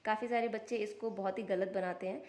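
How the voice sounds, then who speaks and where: A woman's voice: medium pitch, steady tone, fairly quick, darkish tone. A woman, a parent, patiently explaining how to teach children phonics step by step, sounding out letters in a casual instructional vlog.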